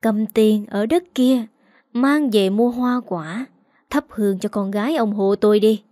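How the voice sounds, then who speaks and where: A woman's voice: mid-range voice, a little slow, dark tone, no room sound, clean studio sound, close to an everyday voice. A woman voicing an arrogant, cruel rich young man who mocks and sneers. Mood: sneering. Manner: sneering, mocking.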